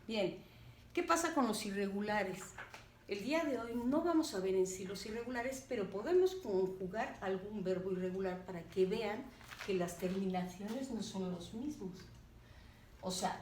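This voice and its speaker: A woman teacher gives a grammar lesson, talking slowly and deliberately and checking in with her students as she goes. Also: mid-range voice, darkish tone. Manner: slow and deliberate, checking in with "¿de acuerdo?". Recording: roomy, distant, faint background noise.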